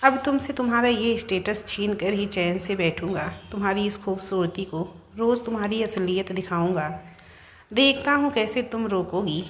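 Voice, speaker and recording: A lady reading out a mean young husband in a story, taunting and threatening, mid pitch. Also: moderate pace, a little hiss or hum, close to an everyday voice. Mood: menacing. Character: scheming young husband, cruel and mocking.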